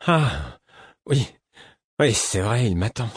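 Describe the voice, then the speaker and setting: A man's voice: on the low side, sing-song, takes it slowly, husky, no room sound, studio quality, exaggerated voice. A man voicing a tipsy, overjoyed young man in love, talking in an eager, exuberant way in a storybook reading. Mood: sobered.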